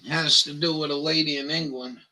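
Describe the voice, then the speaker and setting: A man's voice: on the high side, fairly even intonation, brisk, pushed and bright, rough recording. A man with a Maine accent, hosting a livestream in crude, joking, rambling chat and mockingly reading things aloud. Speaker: livestream host.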